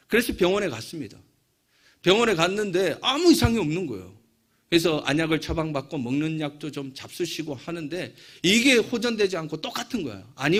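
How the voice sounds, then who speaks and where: A male pastor telling a story in a sermon, dropping to hushed asides and rising into fervent prayer. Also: a little high.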